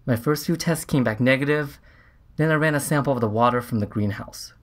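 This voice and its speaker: In the style of a documentary interview, a man plays a scientist on a Mars mission who is earnest and shaken, recounting what happened in a halting, thoughtful way. He speaks in a natural, mid-range voice.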